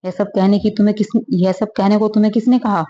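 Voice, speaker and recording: A woman voicing a hurt, angry young married woman in a read-aloud story, asking sharp, upset questions. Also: mid-range voice, steady tone, quick pace, dull audio, voice pushed up, close to an everyday voice.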